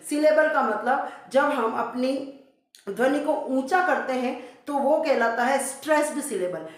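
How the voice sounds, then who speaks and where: A high-pitched Indian woman teaches English for competitive exams. She poses a question, answers it herself and keeps repeating the key terms. Her voice rings around a very echoey room. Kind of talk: exam-prep lesson in Hindi mixed with English.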